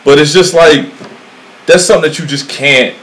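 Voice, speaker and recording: A man's voice: fairly high pitch, normal speed, a bit bright, low-quality recording. A man chatting casually with his friends in slangy, bro-ish talk, restarting sentences to press his point. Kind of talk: casual chat among male friends.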